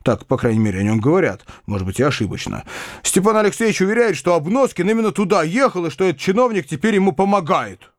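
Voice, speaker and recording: A man's voice: high voice, very animated, fast, no echo, studio quality, voice pushed up. A man reading aloud and voicing an anxious, kind-hearted middle-aged uncle who frets in agitation. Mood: agitated, fretful. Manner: agitated, fretful.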